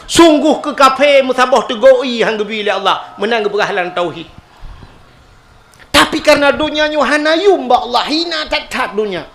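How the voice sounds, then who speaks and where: A man with an Acehnese accent delivers a sermon in a strikingly high voice. He hits key words hard with sudden upward leaps, then lets his phrases sink low and quiet. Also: lively intonation, moderate pace, gravelly. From Aceh, Indonesia. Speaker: preacher.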